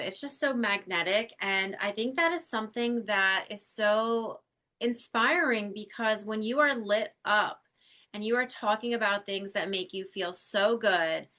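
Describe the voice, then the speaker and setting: Brief: woman host, effusive and affirming, bright forward tone. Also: mid-range voice. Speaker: podcast host. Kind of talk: casual chat.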